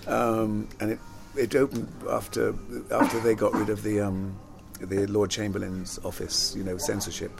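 An older man who grew up in London after being born in Jamaica, an actor and singer reminiscing in a relaxed interview, rambling and repeating words, often laughing. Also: lowish voice, normal speed, gravelly, few pauses, over loud music.

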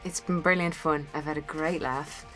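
A woman's voice: low voice, steady tone, normal speed, fairly bright tone, soft background music. A woman guesting on a casual studio interview, easygoing and giggly. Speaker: actor guest. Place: recording studio.

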